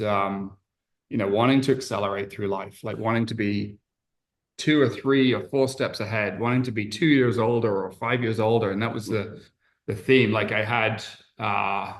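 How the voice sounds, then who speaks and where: Here a fairly low-pitched English entrepreneur chats on a podcast as a guest. He's frank and thoughtful, and his casual talk is dotted with fillers and restarts.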